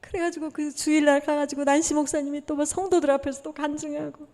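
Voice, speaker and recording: A woman missionary preaching a testimony sermon, telling her story in an animated way and acting out the dialogue. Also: high-pitched, fast. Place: church sanctuary. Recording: long reverb of a church hall.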